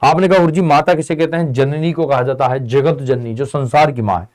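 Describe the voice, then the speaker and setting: A man with a medium-pitched, darkish voice talks a little fast with fairly even intonation. Teaching online exam prep on an Indian tutoring channel, he drills students casually by asking questions and answering them himself, addressing them as beta and bhai.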